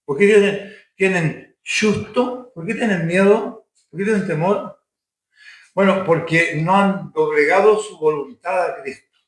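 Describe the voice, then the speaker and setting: Male preacher, emphatic and questioning, high voice, echoey church room. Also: a little slow. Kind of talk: Sunday school sermon.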